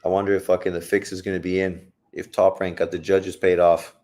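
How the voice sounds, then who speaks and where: In a low-pitched, darkish voice with a level tone, an adult livestream host talks briskly over a boxing fight as it happens. He reads and answers chat questions in a blunt, profane, joking manner, and he's old enough to say he got old.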